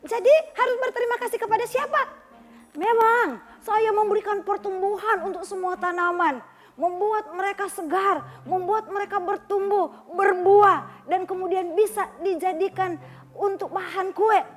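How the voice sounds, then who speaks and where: A woman voicing the sun as a loud, friendly spirit calling down from above in a children's story. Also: very high voice, steady tone, normal speed. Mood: booming.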